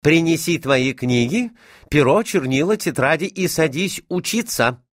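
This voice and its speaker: A man voicing a fussy, scolding middle-aged lady at her summer house, with a shrill, exclaiming manner. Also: huge pitch swings, unhurried, dry recording, studio quality. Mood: indignant.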